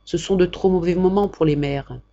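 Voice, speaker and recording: A woman reading a brave, dying young man with a soft, tender voice that fades toward a hush. The audiobook sound is slightly dull. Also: lowish voice, normal speed. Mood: gentle.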